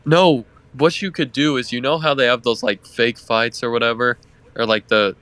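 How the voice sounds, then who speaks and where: A man's voice: mid-range voice, steady tone, normal speed, a bit bright, dry recording. Eager young man piling on ideas, dry sound. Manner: eager, interrupting, stacks ideas with fillers. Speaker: podcast co-host. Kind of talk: casual chat.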